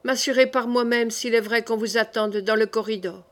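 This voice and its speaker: Woman reading a proud young queen, urgent and pleading, slightly high voice. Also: steady tone, moderate pace, close to an everyday voice. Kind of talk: audiobook reading.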